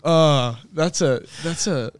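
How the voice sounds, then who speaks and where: A young man, guest host on a podcast, telling a long story in excitable, rambling casual chat full of fillers. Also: fairly high pitch, slow pace, smooth, no room sound. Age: young adult.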